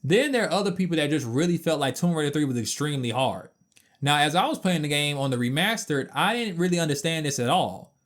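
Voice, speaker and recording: Twenties guy doing a game review, kinda high voice, blunt, gets emphatic. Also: quick pace. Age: 20s. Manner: blunt, emphatic, animated asides. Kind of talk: casual opinionated game review.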